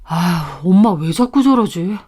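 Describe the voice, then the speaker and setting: A woman's voice: fairly low pitch, animated, measured pace, mellow, husky, voice pushed down. A woman voicing a tired husband caught between his wife and his mother, placating both. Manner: placating, exasperated. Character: weary go-between husband, grown son.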